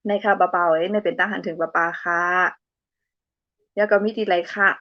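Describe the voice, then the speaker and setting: A woman's voice: mid-range voice, fairly even intonation, normal speed, dry recording, highs cut off. A young woman hosting a casual live stream, reading out viewer comments in a playful, giggly way. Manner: giggly and playful, laughs often between remarks.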